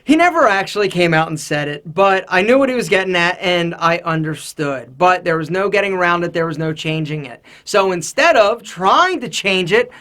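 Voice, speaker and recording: A man presents casual advice straight to camera. His voice is light for a male speaker and lacks bass, with an animated, emphatic delivery. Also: normal speed, few pauses. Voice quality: light, not deep, rises high when excited. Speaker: YouTube host.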